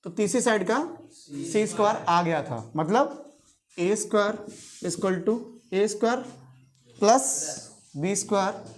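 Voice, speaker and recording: A male teacher lecturing to a classroom. He keeps throwing questions at the class in call-and-response and repeats each key term to drive it home. His delivery is steady and instructive. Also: sits high, a little slow, pauses often. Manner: quizzing students in call-and-response; repeats and stresses key terms.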